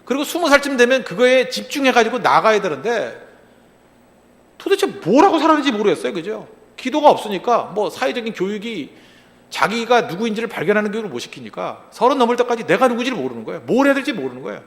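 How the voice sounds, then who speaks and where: A high-voiced man preaching quickly, his pitch leaping up and down as he throws rhetorical questions at the congregation. He acts out little quoted lines along the way, and his voice rings with the long reverb of a large hall. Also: very animated. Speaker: pastor. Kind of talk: sermon.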